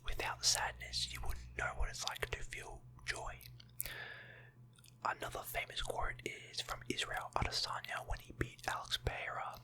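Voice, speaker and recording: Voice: normal speed, bright, forceful tone. A person giving an informal, encouraging motivational pep talk in an ASMR whisper. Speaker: ASMR motivational content creator.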